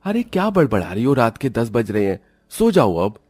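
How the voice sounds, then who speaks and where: A man's voice: mid-range voice, very animated, normal speed, darkish tone, slightly rough, faint music behind. A man doing an irritated sleepy husband. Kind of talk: cartoon voice acting.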